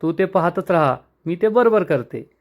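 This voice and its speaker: A man's voice: high voice, lively intonation, normal speed. A man voicing a scheming aunt who plots against a neighbour, in a read serial recap. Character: scheming aunt plotting revenge.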